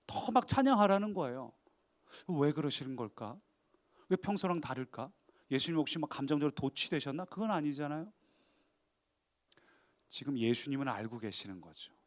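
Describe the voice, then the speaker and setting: Male pastor, sermon, high voice for a man, emphatic, dramatic swings between loud and quiet. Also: animated, moderate pace, pauses often.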